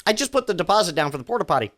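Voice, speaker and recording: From his home studio, a Virginia man hosts a sardonic news commentary podcast, racing through the week's stories with sarcasm and casual swearing. His fairly bright voice is sing-song and swings widely in pitch as he mocks each item, stumbling and restarting sentences along the way.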